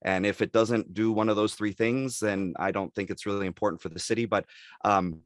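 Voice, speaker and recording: Low-voiced man giving a candidate statement. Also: steady tone, fairly quick, no echo, studio quality. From Los Angeles, California. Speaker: city council candidate.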